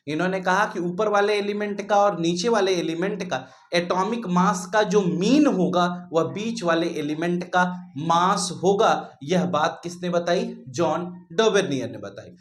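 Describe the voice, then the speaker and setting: A man teaching a chemistry lesson, who calls his students "beta", asks questions and answers them himself, and repeats his key points. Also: sits high. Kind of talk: classroom lecture.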